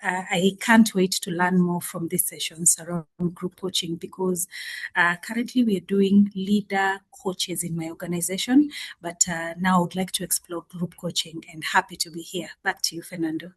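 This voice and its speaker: Woman, video call, low voice, dry close sound, polite. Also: steady tone, moderate pace, breathy edge, no echo. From Kenya. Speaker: talent development professional.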